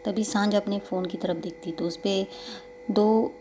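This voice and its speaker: A woman's voice: mid-range voice, fairly even intonation, a little slow, warm tone, faint music behind. A woman narrating a love story in a casual, conversational storytelling way. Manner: conversational retelling, frequent "to ... kehti".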